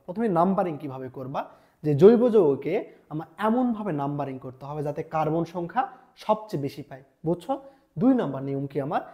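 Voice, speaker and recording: Woman, revision tutor, rapid delivery, low mellow voice, asks and answers her own questions. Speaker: chemistry tutor. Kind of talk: exam-revision lecture.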